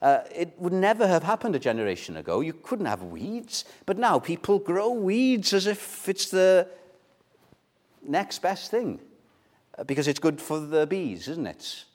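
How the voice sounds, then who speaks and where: An older man from Wales, a Welsh-speaking pastor, preaches a conversational sermon with rhetorical questions and repetition. His voice is high, very animated and a little slow. Its loudness rises and falls over a wide range, dropping almost to a whisper.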